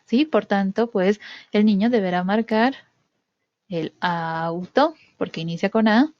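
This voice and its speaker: A woman's voice: mid-range voice, measured pace, dry recording, muffled recording. Woman walking through a test with fillers. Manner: repeats "¿sí?" to check understanding, with frequent fillers; stresses key sounds in words. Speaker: teacher demonstrating a test. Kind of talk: instructional walkthrough.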